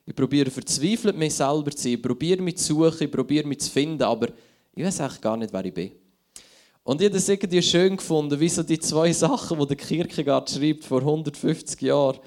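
A man's voice: on the high side, darkish tone. A man in his thirties with a Swiss German accent, giving a conversational sermon and thinking aloud, with frequent restarts. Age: 30s. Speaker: pastor. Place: church hall.

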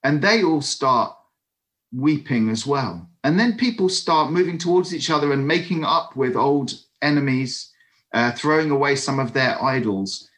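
A man giving a lively, conversational sermon over an online video call, with friendly asides to his listeners. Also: medium pitch, normal speed. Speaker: preacher.

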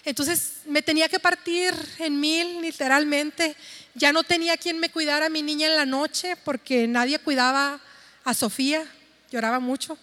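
A woman's voice: sits high, fairly even intonation, normal speed, bright, forceful tone. A middle-aged woman, earnestly and tenderly giving a testimony to her church congregation. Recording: long hall reverb.

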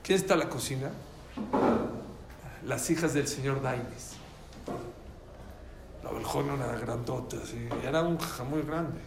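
A man's voice: mid-range voice, a little slow, vocal fry, long pauses, roomy sound, heavy background noise. A man with a Mexican Spanish accent teaching a religious class, telling stories and quizzing his listeners. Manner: animated, quizzes the audience.

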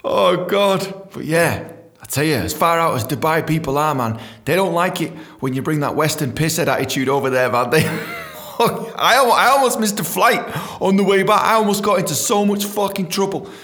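A young man telling comedic stories, swearing a lot, loose and animated, laughing at his own jokes. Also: fairly high pitch, normal speed. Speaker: stand-up comedian. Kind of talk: comedic storytelling monologue.

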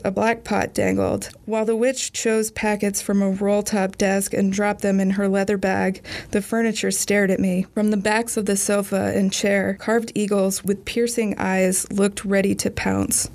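Woman reading a story with vocal fry. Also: medium pitch, darkish tone. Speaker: narrator. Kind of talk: first-person storybook reading.

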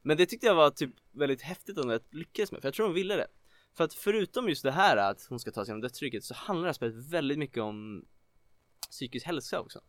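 Rambling excitable male podcast host. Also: a little high, no echo. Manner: rambling, heavy filler words, excitable. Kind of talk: casual chat about video games.

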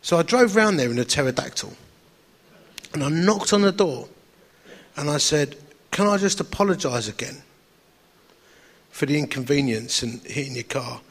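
Essex bloke preaching, bit higher voice, chatty wry storytelling, takes the mick out of himself. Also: male voice, expressive, moderate pace, pauses often. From Essex, England. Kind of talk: anecdotal sermon to an audience.

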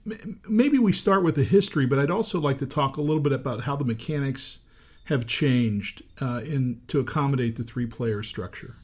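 A male interviewer with a mid-range voice, asking his guest about a game. He speaks in a halting way, stopping and restarting his questions. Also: mid-range voice. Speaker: interviewer, host. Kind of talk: casual interview chat.

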